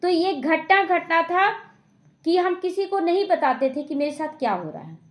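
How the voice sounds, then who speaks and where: A woman gives a spiritual talk with a high voice. She tells a personal story and acts out the lines of the people in it. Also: animated, moderate pace. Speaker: spiritual teacher.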